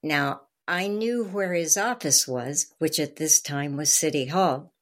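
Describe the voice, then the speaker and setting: A woman's voice: low-pitched, measured pace. An older woman, a guest in an interview, telling anecdotes enthusiastically, laughing often and acting out quoted dialogue. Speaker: interview guest, former tour guide. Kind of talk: anecdotal storytelling.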